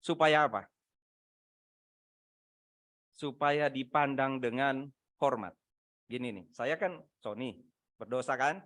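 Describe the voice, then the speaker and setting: A man preaching a sermon over a video call, swinging between loud emphatic lines and quiet asides, often asking his listeners rhetorical questions. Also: medium pitch, takes it slowly, pauses often, dry recording. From Manado, Indonesia. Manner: asks the congregation rhetorical questions. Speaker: pastor.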